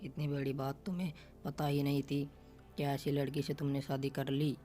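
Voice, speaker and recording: A woman's voice: rumbling low, level tone, moderate pace, warm tone, soft background music. Stern old mother-in-law, as a man reads her. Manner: scolding, insistent.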